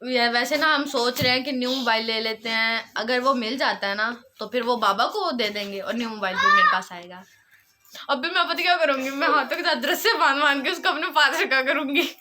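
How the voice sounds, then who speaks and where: A woman's voice: high voice, expressive, fairly quick, noisy background. A woman with a Saraiki accent telling her vlog viewers a rambling story, emotional and half laughing, half tearful. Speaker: vlogger.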